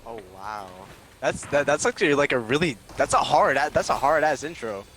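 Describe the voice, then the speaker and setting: Excitable swearing young man. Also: on the high side, fairly quick, slight background noise. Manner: excitable, profane interjections. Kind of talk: casual chat.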